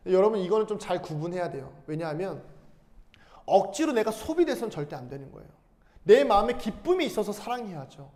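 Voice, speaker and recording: A male pastor preaching a sermon, asking the congregation questions and answering them himself, and reading scripture aloud slowly. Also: sits high, darkish tone. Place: church sanctuary. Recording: long hall reverb.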